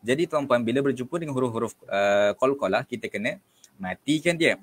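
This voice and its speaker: Man, Malaysian Malay accent, patient tajweed teacher, repeats corrections, middle pitch, dry close sound. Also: expressive, breathy edge, dry recording. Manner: patient, repeats letters and corrections, often says okey and tuan-puan; chants verses slowly when demonstrating. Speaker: Quran recitation teacher. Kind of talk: relaxed online tajweed lesson.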